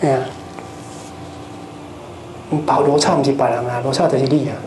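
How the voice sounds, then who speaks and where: A Buddhist dharma teacher giving a lively lecture, often turning to the audience with rhetorical questions. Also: medium pitch, moderate pace. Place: lecture hall of a Buddhist society. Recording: roomy hall with faint noise.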